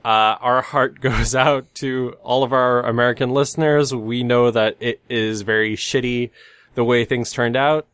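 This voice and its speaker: A man's voice: medium pitch, fairly even intonation, measured pace, fairly bright tone, smooth, no room sound, studio quality. A man with a slightly nasal, stuffed-up voice from a cold, co-hosting a casual podcast. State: congested from sneezing. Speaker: podcast co-host.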